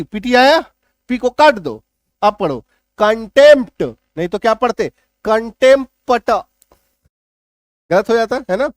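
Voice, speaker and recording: Male teacher, high voice, dry close sound, drills each rule and checks understanding. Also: dry recording. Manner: emphatic, repeats rules and asks "clear?". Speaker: English teacher. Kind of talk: classroom-style spelling lesson.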